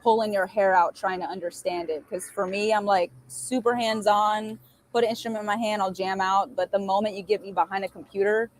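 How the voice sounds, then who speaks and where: A woman's voice: mid-range voice, steady tone, fairly quick. A woman musician being interviewed, talking in a chatty, upbeat way. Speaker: musician guest. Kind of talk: casual chat.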